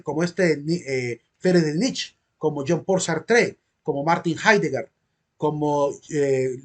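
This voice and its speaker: A middle-aged man teaching a philosophy class, speaking earnestly and reflectively and often checking in with "¿verdad?". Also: a little high. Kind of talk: lecture with personal testimony.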